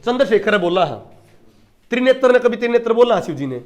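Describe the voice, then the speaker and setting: High-voiced male teacher. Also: sing-song, fast, lo-fi sound. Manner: emphatic, asks questions and answers them himself. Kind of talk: exam-prep lecture.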